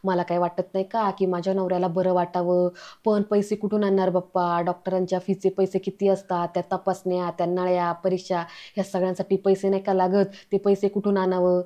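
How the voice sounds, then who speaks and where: Lady doing a sly whiny auntie from the village, fake-teary, flat mellow voice. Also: on the low side, a little fast, close to an everyday voice. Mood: fake crying. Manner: whiny, fake-tearful pleading. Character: scheming middle-aged village aunt, crafty, complaining.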